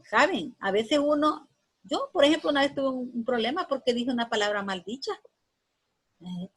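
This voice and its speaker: A woman teacher giving a grammar lesson, patiently repeating words slowly for her students. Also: a little high, slightly rough, poor audio.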